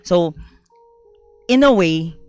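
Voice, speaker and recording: A young man, a guest on a radio talk show, telling his life story in a soft-spoken, polite way, often slipping into English. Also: high voice, lively intonation, drawn-out words, clear, resonant tone, faint music behind. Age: young adult. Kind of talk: personal storytelling interview.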